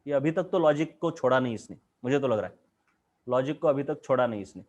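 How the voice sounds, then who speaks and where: A man's voice: mid-range voice, lively intonation, fast talker, a little mellow, dull audio. A man with an Indian accent teaching chemistry in a classroom lecture, drawing at a board and asking the class question after question.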